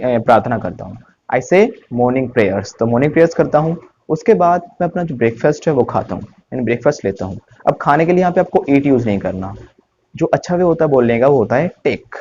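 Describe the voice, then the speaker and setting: A man's voice: medium pitch, a little mellow, highs cut off, slight background noise. Man teaching English phrases step by step. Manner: explains step by step, repeats phrases and asks the class questions. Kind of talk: spoken English lesson.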